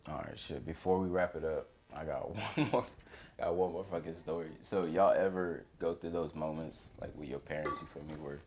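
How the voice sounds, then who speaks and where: A man's voice: extremely low pitch, steady tone, moderate pace, a little mellow, slight background noise. A young man chatting casually on a podcast in slangy, profane speech. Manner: slangy, swearing, laughs along. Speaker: podcast co-host. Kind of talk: casual chat.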